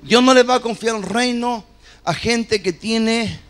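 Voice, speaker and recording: A man preaching a sermon at a church conference, passionate and repetitive, calling for amens and swinging between shouts and quiet asides. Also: very high-pitched, a little slow. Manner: repeats phrases, calls for amen from the congregation.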